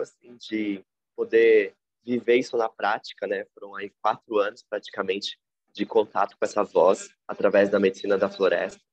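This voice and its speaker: A man with a Brazilian Portuguese accent, a podcast guest telling a personal story in a reflective, animated way. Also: highs cut off. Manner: animated, reflective storyteller with big pitch swings.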